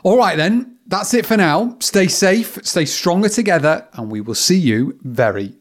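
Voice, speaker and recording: A man's voice: sits high, animated, measured pace. A man hosting a podcast, running a playful quiz and wrapping up the episode in an upbeat way. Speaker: podcast host. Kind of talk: interview and scripted outro.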